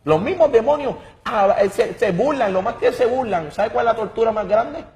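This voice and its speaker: A man's voice: extremely high pitch, animated, moderate pace, a little mellow. A man giving an impassioned religious testimony, emphatic and dramatic, often repeating words as he searches for them.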